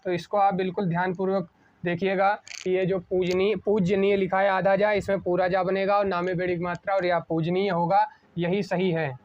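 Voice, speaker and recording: A man teaching an exam-prep spelling lesson at a board, asking a question and answering it himself, slowing down on each correct word. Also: sits high, level tone, darkish tone. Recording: dull lo-fi sound.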